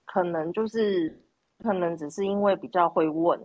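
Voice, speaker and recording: Woman, Taiwanese accent, lowish voice, very quick casual storytelling, close dry sound. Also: no echo, highs cut off. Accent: Taiwanese Mandarin.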